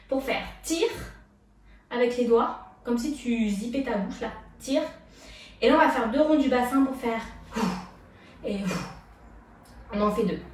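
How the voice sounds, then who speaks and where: A woman's voice: fairly high pitch, slight background noise. A young woman teaching a street jazz dance routine, counting beats and making sound effects for the moves. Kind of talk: dance tutorial instruction. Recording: echoey room, voice from far off.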